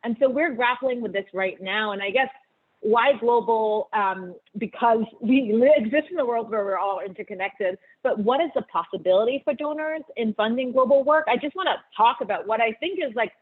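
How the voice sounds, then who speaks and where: A woman's voice: fairly high pitch, normal speed. Woman from Barbados on a tinny call. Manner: thoughtful, many ums and uhs. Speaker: panelist. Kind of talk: conversational answer on a video call. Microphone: video call. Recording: tinny phone-like video call audio.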